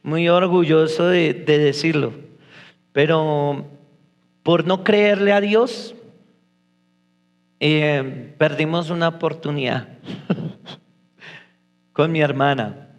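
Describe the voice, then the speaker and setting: A man's voice: a little high, slow pace, pauses often. A man preaching a sermon, speaking straight to the congregation and telling personal stories. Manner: personal storytelling, addresses the congregation directly. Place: church hall. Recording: long echo of a church hall.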